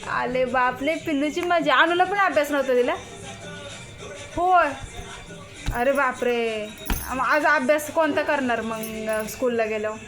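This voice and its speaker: High-voiced mother teasing her child. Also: a little slow, pauses often, music in the background. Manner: coaxing, teasing talk with a little child. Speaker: mother and vlogger. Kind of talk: casual family vlog talk.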